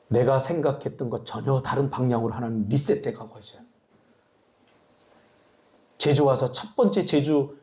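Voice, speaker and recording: A middle-aged man preaching from the pulpit with a high, lively voice that climbs and drops sharply. He moves between urgent calls to his listeners and quiet, confiding asides, sounding like a pastor in full flow. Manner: animated preaching, swinging between loud exhortation and hushed asides. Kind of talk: sermon.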